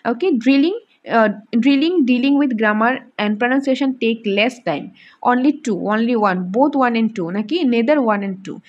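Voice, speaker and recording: High-voiced Bengali-accented woman teacher. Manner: reads the English questions slowly, then explains with rhetorical questions. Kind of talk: exam-prep lesson going through multiple-choice questions. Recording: dull lo-fi sound.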